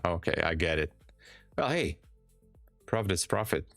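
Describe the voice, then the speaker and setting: A low-voiced man with a Hungarian accent talks at a moderate pace on a live stream, reading comments from viewers and responding in a relaxed, calm manner. He often repeats words for emphasis, and faint music plays behind a recording free of room sound.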